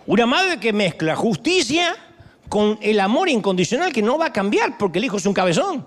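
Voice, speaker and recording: A man in his fifties preaching a sermon, telling stories in an animated, humorous way. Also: high voice, a little fast, in a large hall. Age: 50s.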